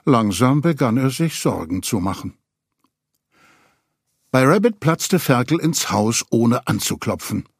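Man, children's story reading, husky voice, very lively pitch, dry close sound. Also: measured pace, long pauses, no echo. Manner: expressive storytelling. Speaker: narrator.

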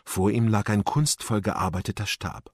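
A man narrating a children's audiobook in an expressive storytelling manner. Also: on the low side, normal speed, no echo, clean studio sound.

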